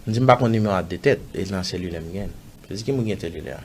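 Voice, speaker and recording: Low-voiced Haitian man telling a story. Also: very fast, heavy background noise. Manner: rambling, acts out dialogue, pepper of "bah" and "man". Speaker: interviewee telling a personal story. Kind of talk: casual spoken storytelling.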